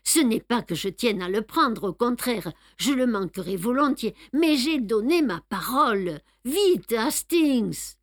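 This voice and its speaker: Hercule Poirot, brisk and bossy, as a woman reader puts him on. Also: a little high, lively intonation, dry recording, clean studio sound. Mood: urgent. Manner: brisk, commanding, exclamatory. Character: fussy excitable older male detective. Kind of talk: audiobook reading with voiced dialogue.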